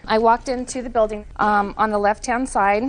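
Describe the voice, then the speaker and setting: A woman's voice: a little high, fairly even intonation, moderate pace. A woman testifying as plaintiff in court, telling her side in an earnest, detailed, somewhat defensive way.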